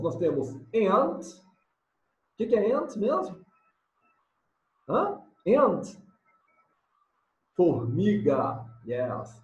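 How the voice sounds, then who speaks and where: A man's voice: high voice, darkish tone, roomy sound, dull audio. A man teaching children English, going over homework and drilling words by repeating them and explaining each in another language. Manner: switches between English words and Portuguese explanations, drills repetition. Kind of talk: recorded homework correction lesson.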